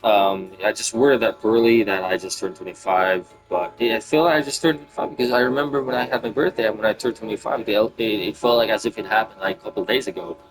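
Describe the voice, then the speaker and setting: Rambling young man, low voice. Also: fairly even intonation, music in the background, rough recording. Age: 20s. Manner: rambling, halting, with many fillers and restarts. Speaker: gaming video creator. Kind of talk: casual reflective monologue.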